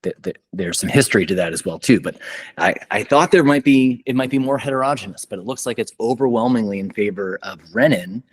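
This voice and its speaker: A fairly low-voiced man runs an online meeting over a video call, chatting in an upbeat way. He trips over his words and restarts often, keeping things loose and friendly. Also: a little fast, slightly rough. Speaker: journal club moderator. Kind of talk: casual online meeting chat.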